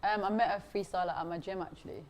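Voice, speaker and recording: A young woman who is a football freestyler, chatting in a relaxed way as a guest and hedging with fillers. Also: medium pitch, fast talker. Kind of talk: casual interview chat.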